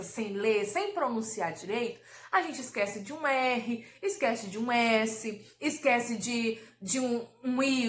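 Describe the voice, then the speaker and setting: A woman teacher giving a recorded lesson for children, patiently explaining and drawing out syllables slowly. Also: fairly high pitch, pushed and bright, reverberant. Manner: slow, drawn-out syllable pronunciation, patient and explanatory.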